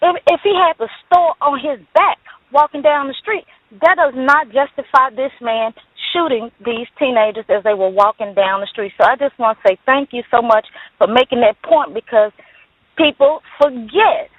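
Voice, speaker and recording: A woman's voice: sits high, moderate pace, no room sound. A woman calling in to a radio talk show, speaking earnestly and emphatically over a crackly phone line that fades in and out. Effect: crackly phone line, fading in and out. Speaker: caller. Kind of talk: call-in radio chat.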